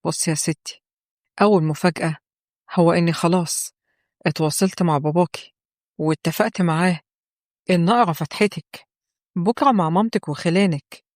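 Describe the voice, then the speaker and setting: A woman's voice: on the low side, a little fast, pauses often, no room sound, studio quality, lightly acted. A woman with an Egyptian accent voicing a playful young man who is eager to marry, in a told story. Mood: teasing. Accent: Egyptian Arabic. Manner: playful, teasing.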